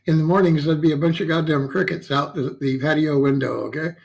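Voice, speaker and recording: A man's voice: a little high, fairly even intonation, fast talker, rough recording. A man hosting a casual online interview, folksy and chatty, often tagging his sentences with "okay?" and "yeah". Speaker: talk show host.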